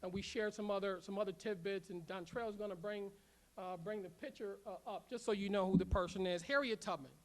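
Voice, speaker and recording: A school leader giving an emphatic graduation address in a large ceremony room, with repeated rallying phrases and halting filler words. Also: mid-range voice. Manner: emphatic, repetitive rallying phrases, leads call-and-response; halting with frequent "uh" fillers when speaking off-script. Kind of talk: commencement speech.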